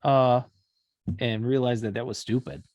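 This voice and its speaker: A man's voice: medium pitch, steady tone, a little slow, a little mellow, dry recording. A young man from Wisconsin co-hosting a podcast, chatting casually and teasing with joking banter. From Wisconsin, USA. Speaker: podcast co-host. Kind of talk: casual chat.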